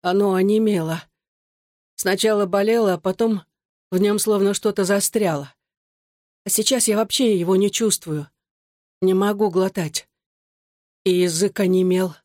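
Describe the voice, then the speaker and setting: A woman voicing a sick, frightened girl who pleads in a hoarse whisper. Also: medium pitch, steady tone, moderate pace, long pauses, a little mellow, no room sound, studio quality, close to an everyday voice. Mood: hoarse strained. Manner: weak, pleading.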